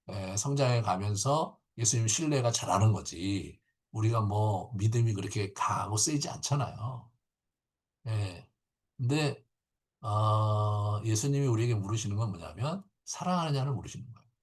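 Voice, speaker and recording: A man, a pastor, teaching a Bible class over a video call in an animated way, acting out quotes and often checking in with his listeners. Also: lowish voice. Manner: animated, acts out quotes, frequent tag questions. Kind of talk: lively Bible lecture.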